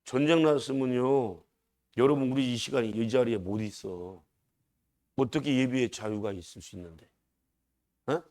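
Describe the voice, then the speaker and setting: A man's voice: mid-range voice, normal speed, pauses often, darkish tone. A male pastor preaching at an early-morning service, emphatic and rising and falling, often calling out to the congregation for a response. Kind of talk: dawn service sermon.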